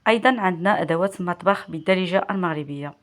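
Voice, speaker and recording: A woman with a Moroccan accent teaching vocabulary, reading out word lists slowly and clearly and repeating each word beside its standard equivalent. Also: fairly low pitch. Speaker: language teacher.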